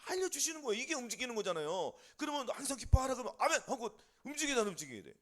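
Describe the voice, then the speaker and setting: A man with a high voice preaches in a fast, lively way that swings widely in pitch. He keeps firing questions at the congregation and answering them himself, in the rhythm of a fervent sermon. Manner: call-and-response questions to congregation, rising and falling emphatically. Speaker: pastor.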